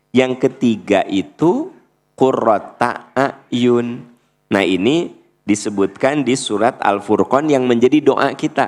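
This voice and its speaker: A man's voice: mid-range voice, in a large hall. A man preaching a sermon to a congregation, earnest and pleading in his prayers. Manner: earnest, rising to fervent pleas in prayer passages.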